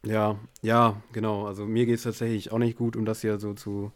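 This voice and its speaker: A podcast host with a level tone and moderate pace is unwell with a headache. He rambles through a casual chat, tired and low-key, with many fillers, and his audio comes through a remote call via bot.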